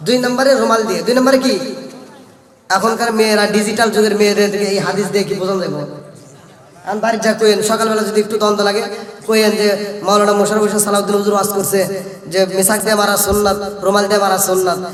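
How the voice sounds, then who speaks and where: A man from Bangladesh preaching a waz sermon. He chants in a sing-song way, rises to shouts and jokes with his listeners. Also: high-pitched, flat delivery, very fast. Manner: jokey, calls out questions to listeners. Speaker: Islamic preacher. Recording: echoey hall sound from far off the mic.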